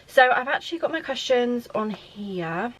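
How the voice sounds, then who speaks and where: A woman's voice: fairly high pitch, lively intonation, normal speed, fairly bright tone, husky, poor audio. A young woman chatting at home in a rambling, bubbly Q&A vlog, laughing often and a little out of breath. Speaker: vlogger. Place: at home, indoors.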